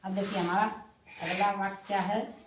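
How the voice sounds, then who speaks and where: A woman teaching a language lesson, dictating slowly and repeating each word for her students. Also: medium pitch, little pitch movement, reverberant, background noise. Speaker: Sanskrit teacher. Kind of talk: classroom-style lesson.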